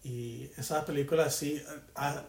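Animated bilingual man in an echoey room. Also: on the high side, a little slow, vocal fry. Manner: animated storyteller, mixes Spanish and English. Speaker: podcast co-host. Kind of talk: casual chat.

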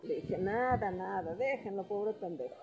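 Warm-voiced woman telling a story. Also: medium pitch, moderate pace, soft background music, poor audio. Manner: animated, acts out quoted voices. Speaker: podcast guest, former miner. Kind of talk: casual storytelling.

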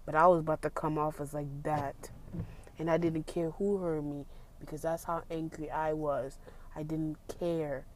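A young woman vlogger venting in a casual storytime, animated and emphatic, repeating herself as she talks from a parked car. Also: low voice, normal speed.

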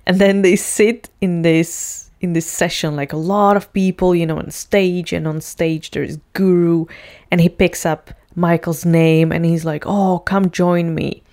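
Woman, casual storyteller, lowish pitch, chatty with many fillers. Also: level tone, measured pace, darkish tone. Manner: chatty, heavy use of fillers. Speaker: vlogger retelling a TV scene.

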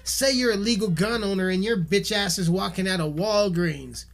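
A man's voice: sits high, normal speed, vocal fry. Guy going off in a rant video, cussing every other word, repeats himself a lot, some faint music in the back. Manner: heated, swears constantly, repeats himself. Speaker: musician ranting on camera.

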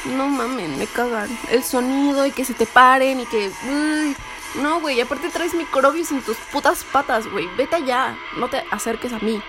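A woman's voice: sits high, moderate pace. A young woman with a Mexican Spanish accent, ranting heatedly and sarcastically in a vlog, swearing often. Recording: music playing behind the voice.

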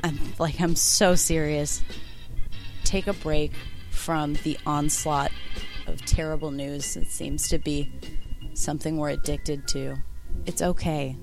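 A woman's voice: low-pitched, fairly even intonation, takes it slowly, gravelly, music in the background, low-quality recording. An American woman introducing a podcast in an informal, conversational way, talking intimately and directly to her listeners. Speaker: podcast host.

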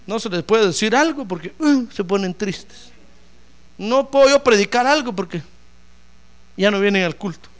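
A man preaching a sermon in an animated, joking way, acting out voices as he tells the story. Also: high-pitched, normal speed, long pauses.

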